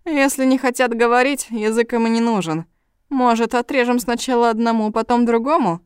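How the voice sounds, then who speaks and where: A woman voicing a cruel male henchman who speaks calmly and menacingly. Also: on the high side, a little fast, smooth, no room sound, studio quality, pitched above the performer's own voice, lightly acted. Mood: coldly menacing. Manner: calm, menacing.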